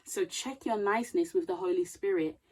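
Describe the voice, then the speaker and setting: In a low-quality recording, a woman in her thirties offers casual yet preachy guidance to her viewers, consulting notes occasionally and gaining emphasis along the way. She has a lowish, darkish voice with a breathy edge and a moderate pace.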